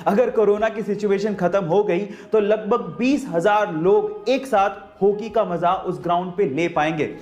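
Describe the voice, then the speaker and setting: A man's voice: sits high, unhurried, hardly any pauses, darkish tone, lo-fi sound. A man hosting a facts video, who poses questions to viewers and then answers them. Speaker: host of a facts channel. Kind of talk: scripted facts narration. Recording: echoey room with faint music.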